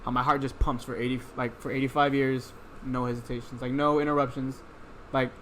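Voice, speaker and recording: A young man in casual podcast chat, excitable and quick to swear. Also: medium pitch, slight background noise.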